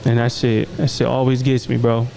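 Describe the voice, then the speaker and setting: This is a casual podcast chat hosted by a young man from Des Moines, Iowa, whose mid-range voice is gravelly, warm, and monotone at a moderate pace. He speaks in a relaxed, slangy way, often asking "you know what I'm saying." The recording is poor and has slight background noise.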